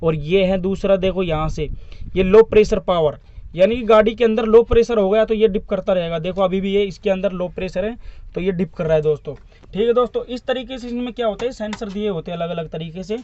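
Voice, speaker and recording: A man's voice: high voice, a little fast, dark tone, no room sound, dull audio. A man acting as a driving instructor, giving a hands-on demonstration inside a truck cab, explaining each part step by step and repeating the terms for his viewers.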